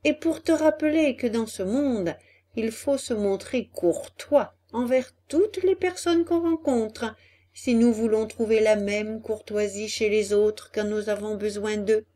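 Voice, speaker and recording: A woman voicing a small, wise male cricket who speaks in a calm, measured, lecturing way in a storybook reading. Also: on the high side, natural voice. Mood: stern.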